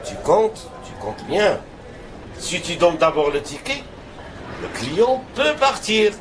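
High, animated, instructing father. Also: slow, exaggerated voice. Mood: earnest instructing. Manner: emphatic, repetitive instructing. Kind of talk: naturalistic film comedy acting. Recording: film scene with faint background noise.

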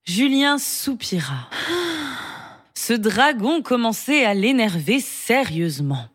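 A woman reading a children's story aloud in an expressive, lively way. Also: fairly high pitch, slow, no room sound, clean studio sound. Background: music.

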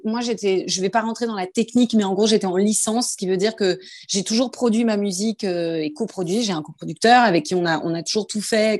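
A woman's voice: mid-range voice, darkish tone, no room sound, clean studio sound. A woman singer answering interview questions into a phone held in her hand, thoughtful and hesitant, with many fillers and restarts. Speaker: singer guest.

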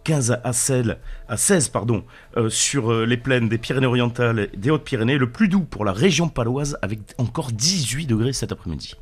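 A man's voice: mid-range voice, lively intonation. A man delivers a radio weather forecast from the studio in a mid-range, unremarkable voice. He keeps it chatty and jokey, and stumbles over the odd word with small fillers. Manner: chatty, joking, slightly halting with fillers.

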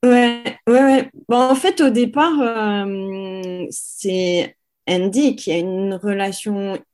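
A French woman tells anecdotes from her career as an interview guest. She talks casually and animatedly, stumbling over restarts and fillers, in a mellow, dark-toned voice. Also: mid-range voice, slow pace. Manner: lively storyteller with many fillers and restarts. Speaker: interview guest, sports photographer.

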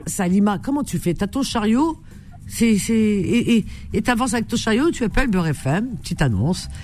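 Woman radio host, lively swooping voice, animated, teasing, call-in show. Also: mid-range voice, normal speed.

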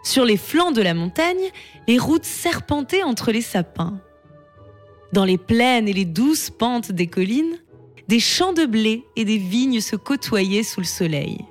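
A woman narrating a children's story in a slow, expressive reading voice. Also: fairly high pitch, faint music behind.

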